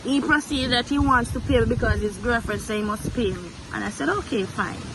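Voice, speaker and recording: A woman's voice: fairly high pitch, a little fast. A woman in her twenties with a Jamaican accent, telling a personal story earnestly and repeating herself for emphasis. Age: 20s. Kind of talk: emotional personal account. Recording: noisy background.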